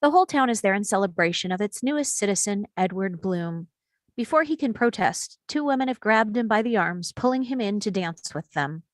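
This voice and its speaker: A woman reading stage directions aloud in a table read, steady and clear. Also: mid-range voice, brisk, no echo, clean studio sound.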